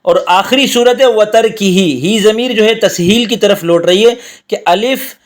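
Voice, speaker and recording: Brief: fairly high male voice, patient teacher, speech, simplifies and repeats. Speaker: teacher of Quranic commentary. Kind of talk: explanatory lesson.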